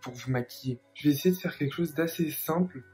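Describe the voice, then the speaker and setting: A man's voice: on the high side, fairly quick, a little mellow, soft background music. A man with a French accent hosting a makeup video, talking in a theatrical, self-mocking way. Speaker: makeup vlogger. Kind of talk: casual makeup tutorial chat.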